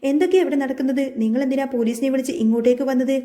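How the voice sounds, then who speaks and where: Bold young woman, outspoken and steady; a woman reads it in a mellow voice. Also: high voice, rapid-fire, natural voice. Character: bold young woman defending her beloved.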